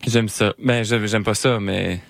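Man, Québécois accent, low-pitched, casual co-host, quick reactions, dry sound. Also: steady tone, gravelly, a bit bright, no room sound. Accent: Québécois French. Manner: reactive, short interjections and jokes. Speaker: podcast co-host.

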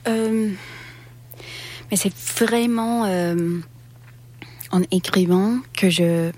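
Halting woman with a foreign accent in French. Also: mid-range voice, darkish tone. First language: not French, speaks French as a second language. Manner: halting, searching for words in imperfect French. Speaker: musician, singer and poet. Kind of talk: interview answers.

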